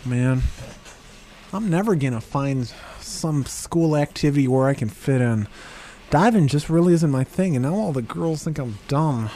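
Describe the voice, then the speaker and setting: A man's voice: on the high side, lively intonation, normal speed, dark tone, a little hiss or hum. A man playing a timid, awkward young diver who stammers and whines, in a comedy sketch. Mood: sheepish. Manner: stammering and whiny.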